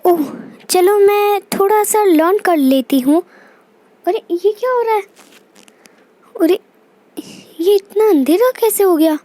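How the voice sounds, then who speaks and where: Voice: extremely high pitch, takes it slowly, long pauses, warm tone, no room sound. A performer voicing Preeti, a cheeky, careless schoolgirl doll in a storybook tale who chats to herself. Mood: chatty. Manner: chatty, talks to herself. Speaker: daughter. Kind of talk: Hindi doll story voice-acting.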